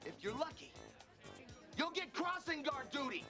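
A blustering, exasperated police boss with a high, lively voice. He scolds sarcastically in broad kids' TV comedy style, with loud music behind. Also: moderate pace. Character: exasperated, bossy police lieutenant scolding bumbling subordinates. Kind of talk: broad children's TV comedy acting. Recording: loud music under TV show audio.

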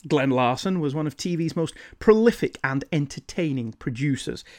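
A man hosting a podcast, reading scripted narration with measured, emphatic phrasing. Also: medium pitch. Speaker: podcast host.

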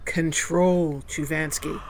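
A woman's voice: low-pitched, fairly even intonation, takes it slowly, darkish tone, slight background noise, poor audio. A woman playing a cold, commanding figure in a screen drama, with a clipped, authoritative delivery. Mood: firm, controlled. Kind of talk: naturalistic screen drama acting.

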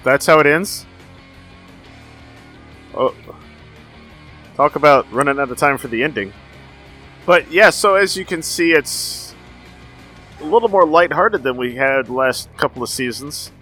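A man's voice: on the high side, expressive, a little slow, pauses often, pushed and bright, faint music behind. A man hosting casual, informal reaction commentary on television episodes, talking in a chatty way. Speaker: reaction host.

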